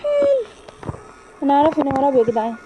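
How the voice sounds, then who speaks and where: A young woman with an Egyptian accent giving lively horror game commentary, talking to the game and her viewers. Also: fairly high pitch, fast talker, dull audio. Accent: Egyptian Arabic. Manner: excitable, talks to the game and to viewers. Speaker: gaming YouTuber. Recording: music playing behind the voice.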